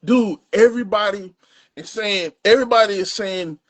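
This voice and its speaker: A man's voice: high-pitched, normal speed, fairly bright tone. A man co-hosting a casual sports podcast, talking loosely and rambling through his points. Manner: loose, rambling, restarts and trails off. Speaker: podcast co-host. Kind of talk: casual sports barbershop chat.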